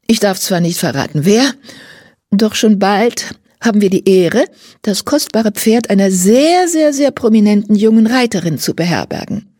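A woman's voice: medium pitch, lively intonation, normal speed, warm tone, no echo, studio quality, pitched above the performer's own voice, natural voice. A woman reading a children's audiobook, voicing a vain, boastful lady who owns horses and turns to shrieking. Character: vain shrill horse-owning society lady. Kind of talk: audiobook character voice.

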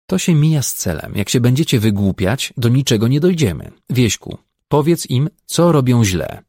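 A man voicing a brisk, commanding woman who leads a therapy group. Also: medium pitch, sing-song, a little mellow, husky, no room sound, studio quality.

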